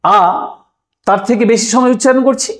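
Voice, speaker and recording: A man's voice: a little high, sing-song, normal speed, a little mellow. A man teaching a lesson online, explaining step by step, drawing out sounds and asking listeners questions.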